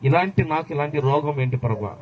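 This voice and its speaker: A man's voice: fairly high pitch, a little fast, a little mellow, slight background noise, natural voice. A preacher voicing a dying king who pleads tearfully with God in prayer. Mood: tearful pleading.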